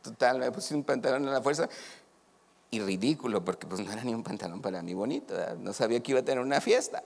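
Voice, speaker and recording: A man's voice: medium pitch, fast talker, creaky. A middle-aged man with a northern Mexican accent, preaching a sermon and telling personal stories, acting out the dialogue. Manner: animated, acts out dialogue in his stories. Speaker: pastor. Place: church hall. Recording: long reverb of a church hall.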